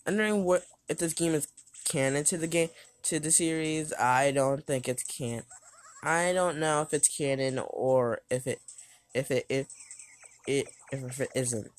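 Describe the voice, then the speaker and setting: A woman's voice: low-pitched, a little slow. A woman giving rambling, hesitant commentary over an arcade game she is reviewing, often restarting and correcting herself. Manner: talks loudly over game music at times. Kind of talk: gameplay commentary.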